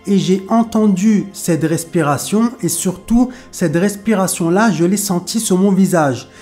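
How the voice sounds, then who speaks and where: A man voicing a frightened wife who recounts what she felt in the dark. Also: high voice, a little slow, soft background music.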